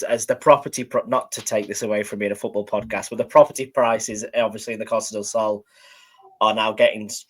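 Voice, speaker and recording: A man hosting a casual football podcast, relaxed and rambling. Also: medium pitch, poor audio. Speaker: podcast host.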